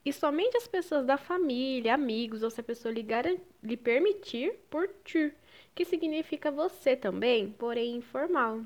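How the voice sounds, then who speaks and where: A woman's voice: sits high, animated, normal speed. A woman from Brazil with a Brazilian Portuguese accent, teaching a French lesson and explaining patiently, with French phrases mixed in. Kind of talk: online language lesson.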